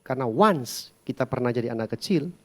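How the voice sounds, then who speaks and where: A man in his thirties preaching a sermon as a pastor, telling a story with humor and lively swings between loud and soft, with English phrases mixed in. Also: medium pitch, brisk.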